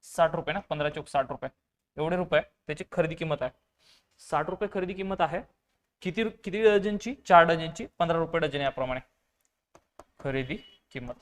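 A man's voice: on the high side, fairly quick, pauses often. A man teaching an online math lesson, explaining patiently step by step. He repeats key phrases and asks questions that he then answers himself. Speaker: exam-prep teacher.

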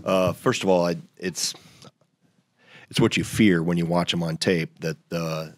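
A middle-aged man, a head coach, breaking down a game at a postgame press conference in a measured, analytical way. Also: sits low, steady tone, slight background noise. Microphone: table mic.

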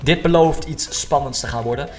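A young man hosts a casual let's play, jokey and excitable, dropping in English slang as he talks to his viewers. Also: fairly high pitch, moderate pace, faint music behind. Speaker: gaming video host. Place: indoor room.

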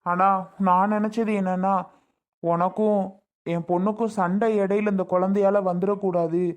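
Lady playing a mild old grandpa, slow apologetic talk, middling pitch. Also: a little mellow, natural voice. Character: gentle older man, soft-spoken grandfather.

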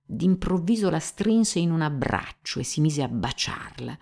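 A woman narrating a classic novel as an audiobook in a measured, calm storytelling manner. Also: low-pitched, vocal fry.

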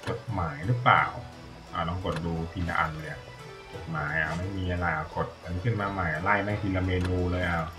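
A man's voice: low-pitched, steady tone, fairly quick, music in the background. A man giving casual, rambling gameplay commentary as a tutorial streamer, thinking aloud and swearing now and then.

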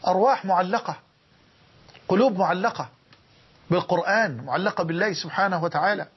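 A man preaching with an Egyptian accent, an older speaker telling stories with emotion and dramatic pauses. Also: high voice, slightly rough, highs cut off. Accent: Egyptian Arabic. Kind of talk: sermon.

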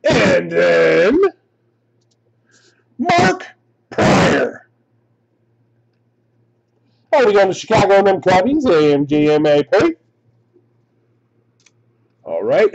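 Excitable male card break host on a live stream with a high, animated voice and a slow delivery. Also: gravelly, highs cut off. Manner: excitable, laughing, exclamatory.

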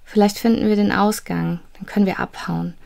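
A woman's voice: medium pitch, fairly even intonation, fairly quick, creaky, darkish tone. A woman voicing a timid, frightened young boy who stammers when scared, in a storybook reading. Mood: anxious. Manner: anxious, stammering.

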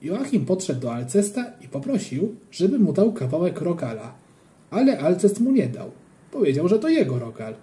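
Playful kids' story narration, bouncy and expressive, warm mellow voice. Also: medium pitch, normal speed. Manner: animated, playful. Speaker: audiobook reader. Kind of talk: storytelling narration of a children's book.

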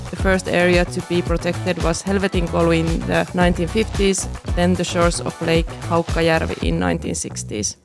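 Playful woman narrating a hiking vlog, gravelly. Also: on the low side. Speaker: vlogger narrating a hiking trip. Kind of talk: travel vlog voice-over and on-camera chat. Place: outdoors in a forest. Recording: music playing under the voice. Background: background music.

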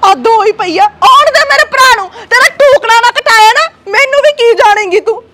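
A woman acts out a crying married sister with a Punjabi accent who wails and bickers with her sister-in-law in a web drama. Her voice sits very high and sounds bright and piercing. She sobs through her words. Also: fairly quick. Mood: angry. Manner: wailing, quarrelsome. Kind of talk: Punjabi web-series acting.

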